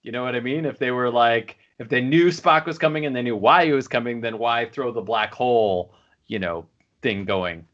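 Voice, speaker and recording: In a mid-range, slightly bright voice, a man co-hosting a podcast chats casually at a moderate pace, rambling with many fillers and restarts. The recording has its highs cut off.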